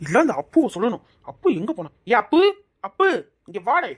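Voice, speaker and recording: A woman's voice: fairly high pitch, sing-song, brisk, husky. A woman voicing a cheeky young daughter-in-law in a cartoon, complaining.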